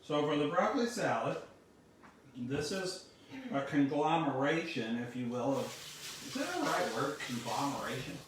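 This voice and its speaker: A man's voice: medium pitch, very animated, normal speed, slight background noise. Folksy man in an echoey kitchen. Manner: folksy and easygoing, with homespun phrases. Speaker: cooking show host. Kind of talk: casual cooking demonstration. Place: home kitchen. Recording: echoey kitchen, mic far off.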